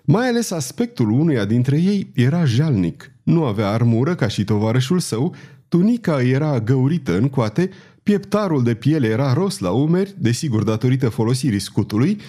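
A man narrating a historical novel as an audiobook in a measured, expressive way. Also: medium pitch.

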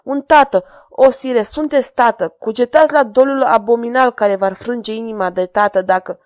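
A woman's voice: fairly high pitch, a little mellow, no room sound, studio quality, close to an everyday voice. Woman voicing a desperate, trembling court jester. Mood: pleading. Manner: tearful, begging, trembling.

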